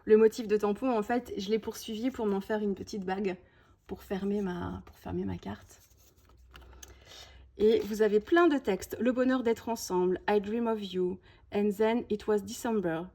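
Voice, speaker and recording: A woman's voice: medium pitch, moderate pace, warm tone. A woman presenting a scrapbooking collection in a casual show-and-tell, chatty and full of small "hop" and "voilà" asides. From France. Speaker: scrapbooking video host.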